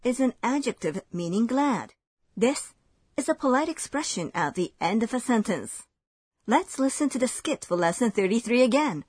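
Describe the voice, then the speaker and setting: Husky-voiced woman hosting a language lesson. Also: fairly high pitch, animated, darkish tone, no room sound, studio quality. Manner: clear, measured explanations. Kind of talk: scripted lesson narration.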